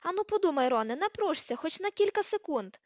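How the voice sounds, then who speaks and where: A woman reading an audiobook, voicing a furious, sharp-tongued teenage girl witch who shrieks and scolds. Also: big pitch swings, fairly quick, dry recording. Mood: furious shouting. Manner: shrill, shouting, scolding. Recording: slightly dull, dry recording.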